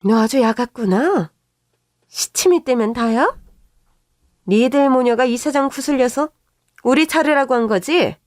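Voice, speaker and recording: A woman voicing a furious, domineering older mother-in-law who yells and accuses in a high, loud voice. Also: expressive, unhurried, pauses often, no echo, studio quality. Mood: shouting, accusing. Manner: yelling, accusing.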